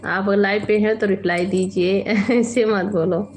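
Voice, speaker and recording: Woman, live stream host, relaxed drawn-out delivery, mid-pitched, chatty and mildly reproving. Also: a little hiss or hum. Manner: unhurried, chatty, gently scolding viewers. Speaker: live stream host reading viewer comments. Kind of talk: casual live stream chat. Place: home, at night.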